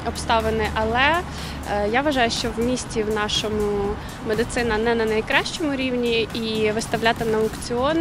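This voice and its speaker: Young woman, measured street interview answer. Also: on the high side, fairly even intonation. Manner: measured, weighing her words with hesitations. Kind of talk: street vox pop answer. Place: city street outdoors. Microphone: handheld reporter mic. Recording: music bed under voice.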